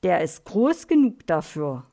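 A woman voicing a calm, fair female carer who speaks gently and soothingly in a storybook. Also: lowish voice, unhurried, gravelly, exaggerated voice. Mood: gentle.

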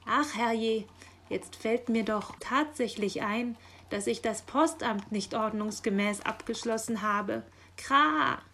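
Brief: a woman putting on an exasperated male raven postman, croaking at the end of lines, storybook tone. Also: mid-range voice, animated, normal speed, a bit bright, slight background noise, lightly acted.

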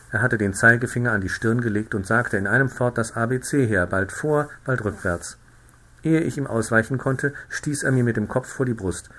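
Mann mit heller, lebendiger Erzählstimme. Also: male voice, mid-range voice. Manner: lively, expressive storytelling. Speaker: audiobook reader. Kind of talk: literary audiobook narration.

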